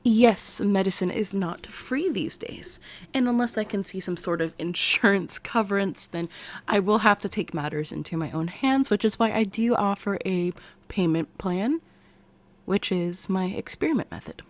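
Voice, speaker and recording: Playful and scheming, an American-accented woman takes the role of an eager, eccentric military scientist serving as therapist. The ASMR roleplay is intimate and chatty, sometimes slipping into soft whispers. She speaks in a mid-range voice at a moderate pace, with light acting.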